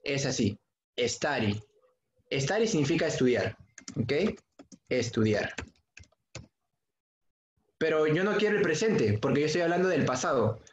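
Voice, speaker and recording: Here the teacher's voice is a little high and very animated, his delivery unhurried with frequent pauses. During an online English grammar lesson, he patiently goes over key points again and asks named students questions. The room sound is dull and echoey, with a slight hiss or hum.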